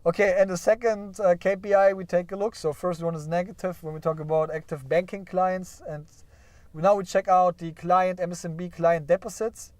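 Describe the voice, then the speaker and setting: A man's voice: high voice, steady tone, normal speed, darkish tone, no echo. A man giving casual live commentary on company earnings while sharing his screen, thinking aloud and joking along the way. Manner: thinking aloud, chatty, hedging with frequent "yeah?"; playful, jokes about crying over results. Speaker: stock market streamer.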